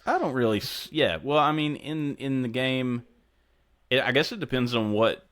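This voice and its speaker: A man co-hosting a podcast in casual chat, laid-back and quick to laugh. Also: mid-range voice, a bit bright. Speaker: podcast co-host.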